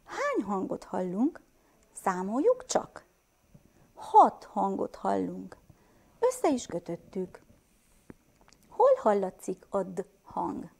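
A woman teacher with a Transylvanian Hungarian accent giving a first-grade reading lesson, sounding out words slowly and asking the children questions. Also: mid-range voice, huge pitch swings, vocal fry, a little mellow, slightly rough.

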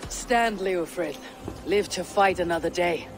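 A stern viking warrior in a game, blunt and firm, music under it. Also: male voice, high voice, unhurried. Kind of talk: game dialogue acting.

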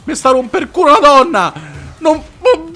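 A man doing excitable gameplay commentary, swearing and making fighting sound effects with his mouth. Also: very high voice, measured pace, faint music behind. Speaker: gamer.

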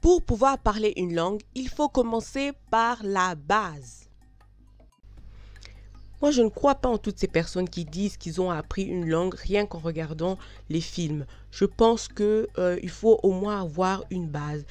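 A woman talks straight to her viewers in a frank, chatty vlog. She hesitates often as she goes. Her voice sits at a middle pitch, with faint music underneath. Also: lively intonation, a little slow, darkish tone. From Belgium. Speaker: vlogger. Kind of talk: casual talk to camera.

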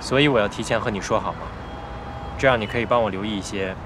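An actor playing a cautious young assistant who speaks politely and probingly. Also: male voice, on the low side, fast talker, background noise, close to an everyday voice. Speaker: executive assistant.

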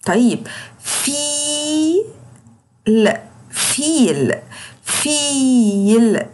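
A young woman teacher with an Egyptian Arabic accent, giving an online lesson to young children and slowly drawing out the sounds of letters and words. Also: mid-range voice, slightly rough. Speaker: kindergarten teacher.

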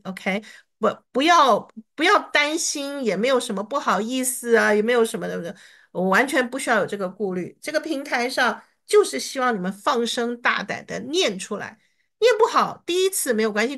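A woman teaching an online reading class, encouraging her students and sounding out English words slowly. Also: fairly high pitch, gravelly, fairly bright tone. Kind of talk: online lesson.

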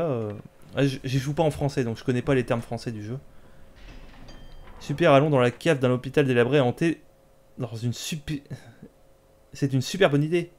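A man's voice: medium pitch, a little mellow. A man giving casual, joking commentary while playing a video game, talking back to it sarcastically. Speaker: let's play host.

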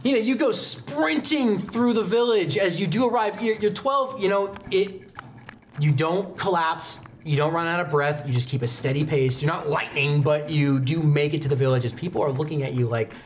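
With a voice on the high side and a moderate pace, a young adult man narrates an improvised tabletop game as its game master, painting scenes like a storyteller. He is seated at a studio desk, and there is a little hiss or hum plus background music.

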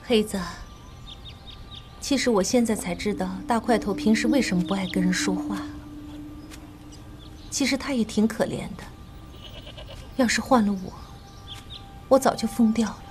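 An actress playing a blunt, hot-tempered young widow in a period TV drama, with music behind. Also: female voice, mid-range voice, normal speed, pauses often, lightly acted. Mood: gentle. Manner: blunt, combative. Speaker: widow landowner. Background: drama score music.

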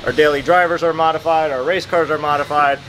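Here the shop manager, a man in his thirties, rattles quickly through an upbeat, plain tour of a large indoor vehicle workshop. His voice is on the high side with fairly even intonation, and the casual vlog picks up workshop noise behind him.

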